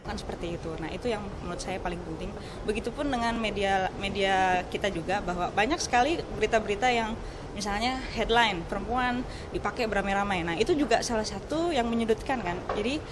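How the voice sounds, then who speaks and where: A woman's voice: medium pitch, a little fast, noisy background. A female activist speaking earnestly in an interview, using casual fillers. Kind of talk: field interview soundbite.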